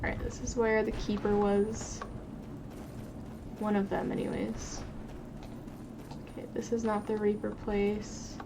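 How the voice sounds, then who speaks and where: A young woman streaming a game and chatting casually, swearing and talking to the characters as she plays. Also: mid-range voice. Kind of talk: casual gameplay commentary. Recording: noisy stream audio.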